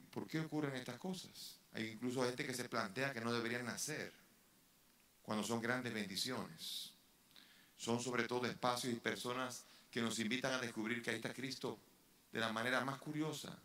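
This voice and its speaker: A man's voice: mid-range voice, pushed and bright. A man, a bishop, preaching a retreat talk in a parish church, earnest, with rhetorical questions and rising emphasis. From Dominican Republic. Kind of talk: sermon. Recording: echoey church hall.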